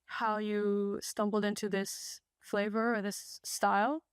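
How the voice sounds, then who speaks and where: In an art gallery, a young woman chats with an artist in a casual, friendly, upbeat interview. Her mid-range voice is clear and resonant, slow and level in tone, captured as a dry, studio-quality recording.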